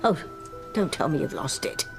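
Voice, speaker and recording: A woman's voice: deep voice, very animated, moderate pace, creaky, heavily acted. An actress playing a scheming old witch who feigns sweetness, theatrical and conspiratorial, in a soap opera. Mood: anxious, scheming. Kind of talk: daytime soap opera acting. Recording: music under the dialogue.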